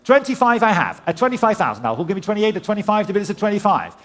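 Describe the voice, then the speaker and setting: Male auctioneer, notably high voice, courteous and formal, running a live sale in repetitive rhythmic patter. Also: sing-song, rapid-fire, fairly bright tone. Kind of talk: live auction calling, rhythmic repeated bids.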